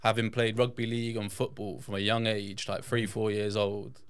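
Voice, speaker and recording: Speaking on the low side with little pitch movement, a podcast guest shares personal stories at a moderate pace, casual and chatty. He's English, Yorkshire-born and brought up in the south-west. His tone is clear and resonant, with no echo.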